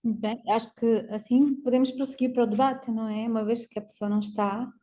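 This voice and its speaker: Portuguese woman with a dark, mellow voice. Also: a little high, fairly even intonation. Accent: European Portuguese. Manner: hesitant, fills pauses with "ah" and tags "não é?". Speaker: session debater and moderator. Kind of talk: academic panel discussion. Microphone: video call.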